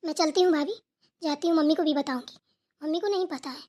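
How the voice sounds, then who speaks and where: A woman's voice: high voice, fast, mellow, close to an everyday voice. A woman voicing a polite, reassuring young girl in a village cartoon. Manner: soothing, polite. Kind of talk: cartoon voice acting.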